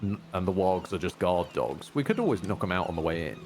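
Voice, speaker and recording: A man's voice: deep voice, expressive, fast talker, darkish tone, slight background noise. A man giving casual gameplay commentary as a streamer. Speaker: video game streamer. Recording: game music clearly behind voice. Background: game music.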